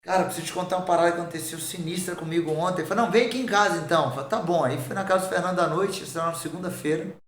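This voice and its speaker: A pastor with a Brazilian Portuguese accent telling his conversion testimony on a podcast, animated and acting out the voices of the people in his story. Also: on the high side, racing, few pauses, roomy sound, a little hiss or hum.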